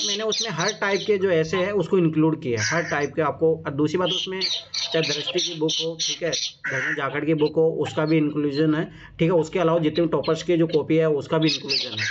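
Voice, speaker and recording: A man's voice: on the high side, fairly quick. A man coaching students on answer writing, casual and encouraging, repeating his reminders. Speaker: exam coach reviewing answer copies. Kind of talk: informal coaching talk. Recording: muffled lo-fi sound with clear background noise.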